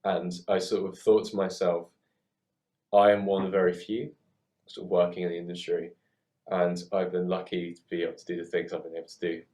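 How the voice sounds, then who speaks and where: He's a man in his twenties, a theatre worker and photoshoot co-producer from the UK who was born in Hong Kong. His southern English accent comes through a deep, darkish voice that barely moves in pitch and runs fairly quick. The chat is reflective and casual; he hesitates, thinks aloud, and keeps rephrasing.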